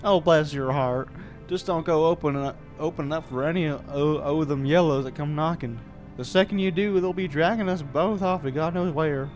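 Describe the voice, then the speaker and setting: A man's voice: fairly high pitch, moderate pace, a little mellow, faint music behind, pitched above the performer's own voice, lightly acted. A man voicing a folksy older Southern woman drifter in a put-on Southern accent, rambling and stumbling over his words.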